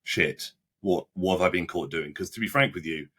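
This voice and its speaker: Husky-voiced young man telling a story. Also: low voice, a bit bright. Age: 20s. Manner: halting, frequent restarts and repeated words; blunt, plain-spoken with British slang. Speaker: podcast guest. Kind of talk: casual interview storytelling.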